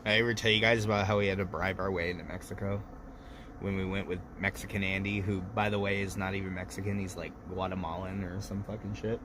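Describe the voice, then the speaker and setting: A man's voice: deep voice, level tone, fast talker, background noise. A man in his thirties hosting a livestream, telling rambling, profane stories while a little drunk. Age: 30s. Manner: loose, profane storytelling. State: tipsy. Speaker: livestream host. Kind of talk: casual rambling chat.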